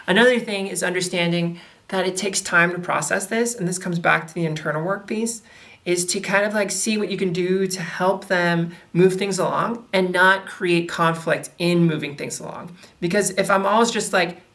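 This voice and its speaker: A woman's voice: fairly low pitch, fairly even intonation, normal speed, fairly bright tone, far from the mic. A woman giving advice to camera in a casual, reflective way, with frequent conversational fillers.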